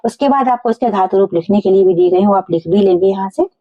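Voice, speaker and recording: A woman teacher talks a class of children through a lesson, taking each line slowly and putting it again in simple words. Her voice sits at a middle pitch, and the recording has a dull, lo-fi sound. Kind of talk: explaining a school lesson.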